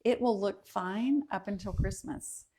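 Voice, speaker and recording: A woman's voice: mid-range voice, a little slow, mellow, breathy edge. Chatty woman reading viewer comments. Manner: chatty, with many ums, reads comments aloud. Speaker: host of a home and kitchen channel. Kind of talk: casual livestream chat reading viewer comments. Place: at home.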